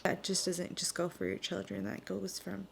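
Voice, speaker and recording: A young woman and mother sharing earnest, heartfelt thoughts in a casual vlog, often dropping into a soft whisper. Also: medium pitch, level tone, normal speed, creaky. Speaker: vlogger and mother. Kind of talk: reflective casual vlog talk.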